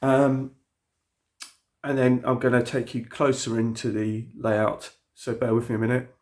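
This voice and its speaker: A man, sniffly with a cold, rambles through a casual video tour of the model railway layout in his indoor hobby room, peppering it with fillers and restarts. His mid-range, slightly mellow voice moves little in pitch and runs a little slow.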